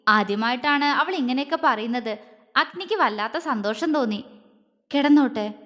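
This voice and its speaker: Woman reading a love story, calm and gentle, high voice, lots of room reverb. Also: moderate pace. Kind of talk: romance story narration.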